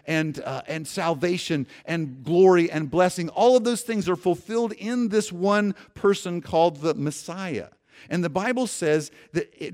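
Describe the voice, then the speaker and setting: A man preaching a sermon, earnestly leading his congregation and often restarting his phrases, swinging from loud emphasis to soft low endings. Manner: earnest preaching, asks congregation to repeat lines aloud; frequent restarts and repeated words. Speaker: pastor.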